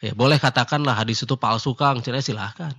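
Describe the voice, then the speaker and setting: A man calmly explaining religious teachings in a casual radio discussion, laughing now and then. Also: mid-range voice, quick pace. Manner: calm, explaining, laughs easily, mixes in local words. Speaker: martial arts teacher answering questions. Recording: dull lo-fi online radio sound.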